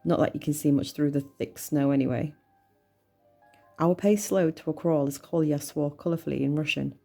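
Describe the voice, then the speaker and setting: A woman reading a horror story aloud in a measured, tense storytelling manner. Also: low-pitched, vocal fry. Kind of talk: scripted horror narration. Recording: soft music bed under voice.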